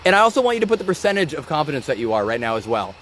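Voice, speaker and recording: A man hosting a live-stream vlog outdoors, talking in an excitable, rambling and emotional way. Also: on the high side, racing, slight background noise. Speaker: ghost-hunting channel host. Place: outdoors by a rock wall during a thunderstorm. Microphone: phone or camera on a live stream.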